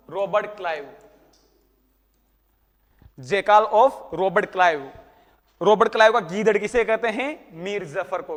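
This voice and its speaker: A man teaching a classroom lesson, his voice pitched fairly high. He teases his students and keeps asking questions before answering them himself. The room gives his voice a long, ringing reverb. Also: a bit bright. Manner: teasing, talks to students by name. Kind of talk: classroom history lecture.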